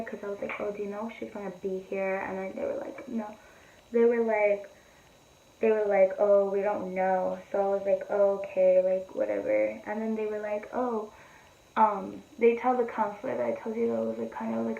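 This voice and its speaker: A teenage girl chats through a makeup storytime, rambling and swearing freely. Her voice is gravelly with vocal fry. It bounces around an echoey room on a slightly muffled recording, with faint noise underneath. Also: medium pitch, a little mellow. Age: teens. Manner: rambling, filler-heavy, profane and blunt. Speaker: beauty vlogger. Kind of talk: casual storytime chat while doing makeup.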